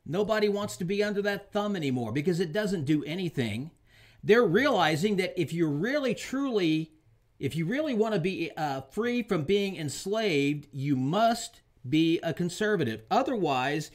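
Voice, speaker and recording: An Oklahoma man hosts his own talk show, holding forth on politics in a fairly high voice that swoops up and down. He's emphatic, repeating lines for punch and aiming his opinions straight at the listener.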